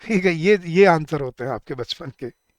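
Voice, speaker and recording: A man teaching an online exam-prep lecture, sounding words out slowly and putting questions to his class. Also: a little high, expressive, dry recording. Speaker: English teacher.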